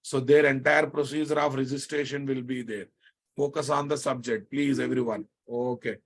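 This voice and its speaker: A man's voice: mid-range voice, fairly even intonation, normal speed, slightly rough. A man with an Indian accent lecturing a live online programming class, often repeating his phrases and checking that listeners follow. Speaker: programming instructor.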